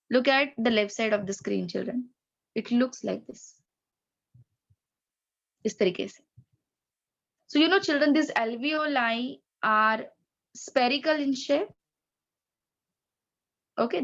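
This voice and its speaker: A woman's voice: fairly high pitch, dull audio. Indian woman teaching an online class. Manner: explains slowly, repeats key terms, mixes Hindi and English.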